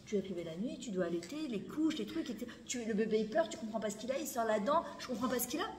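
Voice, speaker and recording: A middle-aged woman giving an animated, emphatic Torah lesson to a room of women, repeating phrases and mixing in Hebrew words. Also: fairly high pitch, quick pace. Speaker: Torah teacher. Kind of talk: spoken lesson to a women's audience. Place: lecture hall. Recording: echoey hall, faint background noise.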